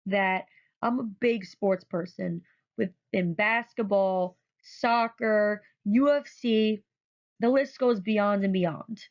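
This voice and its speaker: Enthusiastic young woman presenting photos. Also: a little high. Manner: enthusiastic, repeats words for emphasis. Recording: dull lo-fi recording.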